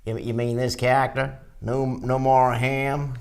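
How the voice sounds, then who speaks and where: A man's voice: medium pitch, flat delivery, unhurried, vocal fry. A man co-hosting a casual chat, playful and self-mocking. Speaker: podcast co-host.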